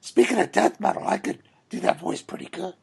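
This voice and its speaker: Hoarse, gravelly-voiced man hosting a podcast. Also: sits high, a little fast, darkish tone. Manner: profane, joking banter. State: hoarse, losing his voice. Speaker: podcast host. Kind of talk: casual podcast chat.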